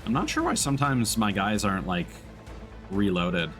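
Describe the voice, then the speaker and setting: A man with a lowish voice and wildly swooping pitch talks at a moderate pace over background music. He's a streamer giving casual live commentary on a video game, musing and thinking aloud hesitantly. Game battle sounds play behind the stream.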